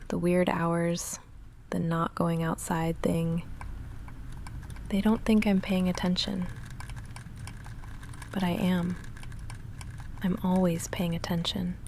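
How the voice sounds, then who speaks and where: In an intimate ASMR roleplay, a woman plays an awkward young goth vampire girl who murmurs slowly with heavy vocal fry, often sinking into a breathy whisper. Her soft, low delivery is deadpan and halting, self-conscious yet secretly affectionate, with a quietly intent mood and a little hiss or hum.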